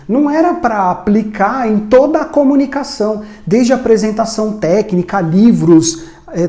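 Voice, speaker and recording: A man's voice: high voice, dark tone, roomy sound. A man teaching about communication in a conversational explainer style, asking rhetorical questions and adding tag questions. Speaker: communication instructor. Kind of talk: educational explainer video.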